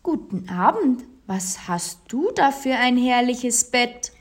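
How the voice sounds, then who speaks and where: A woman voicing a small, eager girl witch from a storybook who talks high and breathless. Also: very animated, slow pace, exaggerated voice. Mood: pleading.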